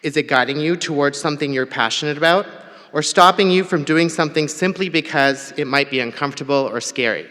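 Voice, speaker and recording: A man's voice: a little high, brisk, pushed and bright. A man born in Tanzania giving a candid, personal convocation speech with light humor. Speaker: convocation speaker. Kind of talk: prepared ceremony speech. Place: large hall. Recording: long hall reverb.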